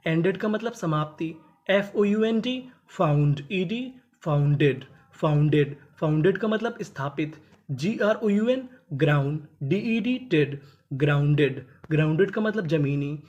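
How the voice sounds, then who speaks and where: In a spelling and phonics lesson, a teacher spells English words letter by letter, sounds them out, and gives each word's meaning. The voice is slightly mellow with the highs cut off, and the pitch drops on the final word of each list.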